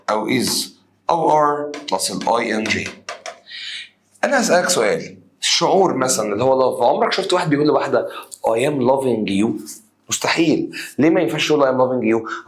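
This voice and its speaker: Casting: young Egyptian man, English teacher, lively exam review, repeats and drills. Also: mid-range voice. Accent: Egyptian Arabic. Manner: lively, repeats key terms, drills students to chant along.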